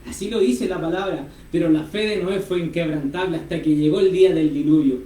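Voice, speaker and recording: Guy preaching, high-ish mellow voice, sounds a bit far from the mic. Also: fairly quick, echoey room. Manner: earnest, storytelling, many amens. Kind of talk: preaching on a radio-style program.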